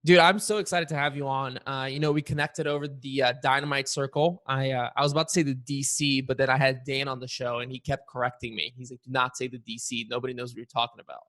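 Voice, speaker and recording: A young Bulgarian-born man hosts a podcast interview, talking fast with few pauses in a level, medium-pitched, slightly bright voice. He's upbeat and chatty, peppering his speech with "like" and "uh" as the casual conversation moves into an ad read. The recording is dry.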